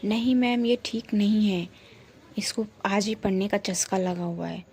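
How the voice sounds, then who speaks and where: A woman's voice: medium pitch, measured pace, warm tone, a little hiss or hum, close to an everyday voice. Woman playing a young protective best friend, teasing and pushy; storybook read.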